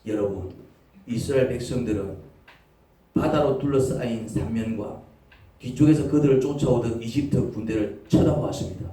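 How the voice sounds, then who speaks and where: A male pastor, preaching with big swings from loud cries to near whispers. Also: mid-range voice, moderate pace, very echoey, distant mic. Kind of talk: sermon. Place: church sanctuary.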